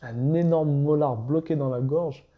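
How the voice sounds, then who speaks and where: Here the audio is narrow and tinny, carrying a man's slightly high voice at an unhurried pace. He is an Arabic reading teacher giving a step-by-step lesson, patiently restating each point and voicing examples.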